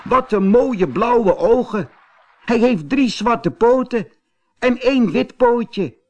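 A man reading a storybook, voicing excited young children calling out in shrill, eager voices. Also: a little slow, dull audio.

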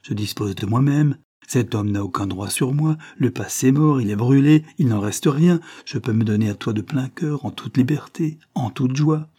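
A man's voice: normal speed, dark tone, slightly rough, close to an everyday voice. A man reading an audiobook, voicing a young woman, an anguished and devoted lover, with a raised, pleading delivery. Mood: impassioned. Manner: pleading, impassioned, rising in pitch.

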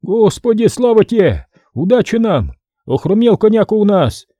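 A man voicing an old male merchant who coaxes and wheedles in a hoarse, cracking voice. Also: sits high, big pitch swings, moderate pace, mellow, dry recording, highs cut off, voice pushed up. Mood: wheedling.

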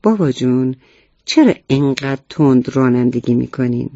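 A man's voice: mid-range voice, expressive, mellow, no echo, close to an everyday voice. A man voicing an earnest first-grade boy who is a proud junior police helper, in a storybook reading. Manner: earnest, lecturing about rules. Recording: dull, muffled recording.

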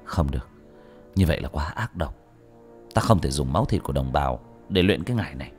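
A man voicing a stern, principled old male sorcerer in an audio story, speaking low and firm. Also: expressive, fairly quick, darkish tone, faint music behind.

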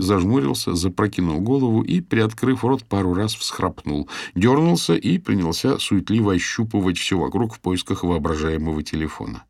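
A man narrating an audiobook in the first person, in an expressive, animated storytelling manner. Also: sits low, gravelly, no room sound, studio quality.

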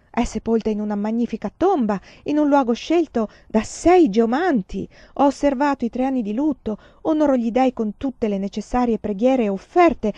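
A woman's voice: a little high, no room sound, highs cut off, voice pushed up, lightly acted. A woman playing a commanding, anxious old nobleman. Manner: insistent, rising to shouted demands.

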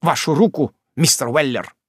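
A man's voice: mid-range voice, normal speed, breathy edge, no room sound, studio quality, lightly acted. A man reading a storybook, voicing a sly male servant who gushes and fawns in a whiny, ingratiating way. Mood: fawning. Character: sly fawning male servant, tearful, falsely innocent.

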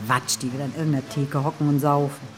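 A woman's voice: very deep voice, flat delivery, quick pace, faint music behind. An actress playing a brusque, skeptical woman who teases a friend.

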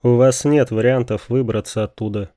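A man's voice: medium pitch, fairly even intonation, moderate pace, mellow, dry recording, studio quality, natural voice. A man voicing a male police negotiator making firm, authoritative announcements. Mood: commanding.

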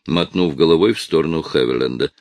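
Male audiobook narrator, very low and gravelly voice, dry close recording. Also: fairly quick, dry recording. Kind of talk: scripted narration.

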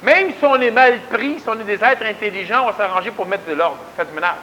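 On a poor recording with a little hiss or hum, a spiritual lecturer speaks in Québécois French, his high voice quick, bright and forceful. His conversational talk is homespun and emphatic, and he repeats words for emphasis.

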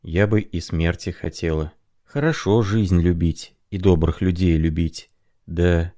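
A man reading aloud, voicing a gentle, mysterious young woman who soothes and coaxes in a soft manner. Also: low-pitched, measured pace. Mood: wistful. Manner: soft, caring, coaxing.

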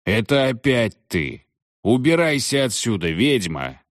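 A man reading an audiobook voices a weary, gruff one-eyed ghost ship captain, exasperated and shouting people away. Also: medium pitch, very animated, a little slow, no echo, clean studio sound, pitched above the performer's own voice.

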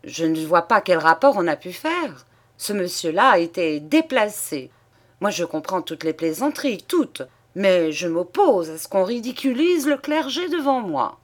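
A woman's voice: mid-range voice, sing-song, unhurried. A woman reading an audiobook, voicing a prim, pious old spinster who bristles easily. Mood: indignant. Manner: prim and indignant.

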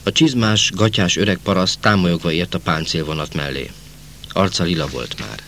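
A man narrating a novel as an audiobook, in a measured first-person storytelling manner. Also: low-pitched, pushed and bright, slight background noise. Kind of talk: novel reading.

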